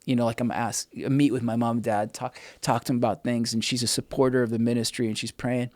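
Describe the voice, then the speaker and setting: Animated man telling a personal story. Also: medium pitch, fast, no room sound. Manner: animated storyteller acting out dialogue. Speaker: interview guest. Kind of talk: candid personal testimony.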